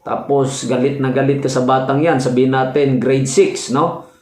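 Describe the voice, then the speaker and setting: A male teacher giving a slow, informal lecture, checking in often with his listeners and pausing with fillers as he explains. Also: medium pitch, little pitch movement, a little mellow. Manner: explains slowly with frequent "no?" checks and hesitations. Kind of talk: classroom-style legal lecture. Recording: echoey room.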